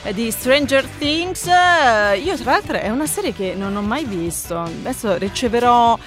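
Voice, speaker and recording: A woman's voice: on the high side, animated, moderate pace, soft background music. A woman hosting a live late-night radio show from a studio, chatting frankly about songs and reading listener messages, with frequent hesitations and fillers. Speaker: radio host. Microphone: studio microphone.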